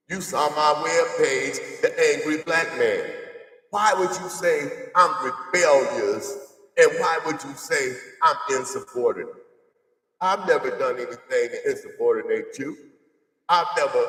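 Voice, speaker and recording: A man's voice: a little high, fairly bright tone. A sixty-five-year-old man, an addiction counselor, delivering a defiant, preachy monologue and repeatedly addressing the listener as "brother.". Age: 60s. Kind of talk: confrontational monologue. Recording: echoey room, voice far from mic.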